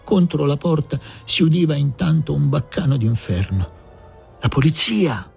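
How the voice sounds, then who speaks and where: A man narrating a novel aloud in a measured, expressive reading. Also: fairly high pitch, vocal fry, slightly rough, soft background music. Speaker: audiobook reader. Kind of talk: literary audiobook narration.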